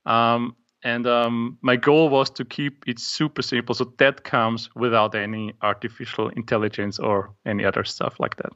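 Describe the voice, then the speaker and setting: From his home office, a young native German speaker with an Austrian accent joins a casual interview by remote call to describe the app he made, hesitating with many ums. His medium-pitched, slightly bright voice stays level at a moderate pace with hardly any pauses. The audio sounds dull.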